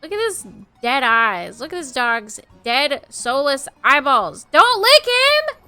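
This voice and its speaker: A woman narrating a game playthrough, her voice bright and sharp, swooping up and down with lively pitch. She reads slowly and playfully, breaking into sudden yells. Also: clear, resonant tone, faint music behind. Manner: playful, reads text aloud, bursts into yells at the dog. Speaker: streamer playing a dating game.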